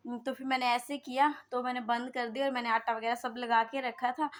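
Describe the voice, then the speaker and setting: High-voiced young mother rambling casually. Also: flat delivery, a little fast. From Himachal Pradesh, India. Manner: rambling with many fillers and restarts. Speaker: vlogger mother. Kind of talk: casual storytelling vlog.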